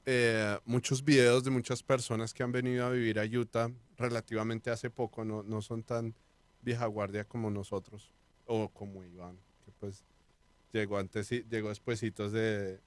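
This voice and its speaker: A man steers a casual podcast conversation, joking and easygoing. His voice is smooth and resonant, and it is recorded dry and close to the mic. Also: mid-range voice, flat delivery, moderate pace, no echo. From Colombia (Bogotá). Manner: leads the talk, joking and easygoing. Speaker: podcast co-host.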